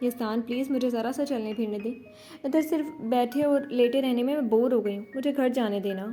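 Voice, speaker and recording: A gentle, cheerful young wife in an audio novel, voiced by a female narrator. She speaks affectionately and coaxes softly. Slightly high, mellow voice with faint background music. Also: natural voice. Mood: sweet. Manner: affectionate, coaxing.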